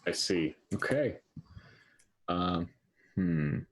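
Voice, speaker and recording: A man playing a tabletop game talks haltingly, restarting and filling gaps with ums. His voice sits a little low. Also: expressive, slight background noise. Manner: hesitant, halting, many fillers. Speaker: player. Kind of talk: casual tabletop play.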